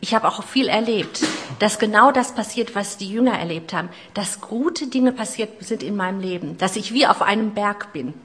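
Middle-aged woman preacher, mid-pitched voice, sermon delivery that swings from emphatic to hushed. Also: animated, moderate pace, slight background noise. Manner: storytelling, with personal asides and shifts between loud and hushed.

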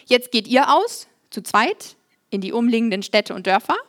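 A woman voicing Jesus as a patient, frank male teacher who speaks plainly and teases his pupils gently. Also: very high-pitched, animated, normal speed, heavily acted. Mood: instructing. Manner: plain-spoken, fatherly, gently teasing.

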